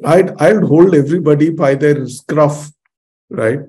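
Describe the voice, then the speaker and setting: A man's voice: a little high, measured pace, mellow. A man with an Indian English accent hosting a panel discussion, emphatic and repetitive, with words of Hindi mixed in. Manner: emphatic, repeats himself, switches into Hindi. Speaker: host and moderator.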